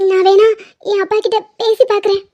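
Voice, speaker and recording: A woman's voice: extremely high pitch, little pitch movement, fairly quick, warm tone. A woman voicing an anxious, tearful young college woman in a cartoon drama, pleading and emotional. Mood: distressed. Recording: dull lo-fi audio.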